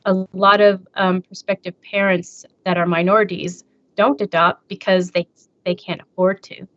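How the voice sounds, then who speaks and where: A woman's voice: lowish voice, level tone, a bit bright, no room sound. Woman with uneven volume from a cutting-out mic. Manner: halting, frequent fillers and restarts. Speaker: presenter. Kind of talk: slide presentation on adoption. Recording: dull lo-fi online call audio.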